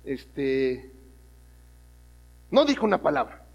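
A man preaching a sermon, telling a story and swinging from loud emphatic lines to hushed ones. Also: medium pitch, very animated, slow, slightly rough, lo-fi sound. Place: church hall. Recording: long reverb of a church hall.

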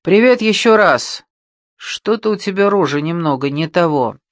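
A man's voice: high voice, lively intonation, moderate pace, no room sound, clean studio sound. A man voicing an easygoing, ironic male friend in a raised, teasing voice.

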